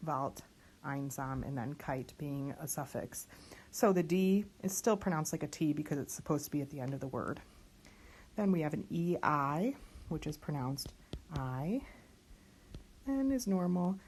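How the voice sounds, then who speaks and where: A woman teaching lyric diction, slowly spelling out letters and sounds one by one. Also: deep voice, lively intonation, darkish tone, a little hiss or hum. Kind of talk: online diction lesson.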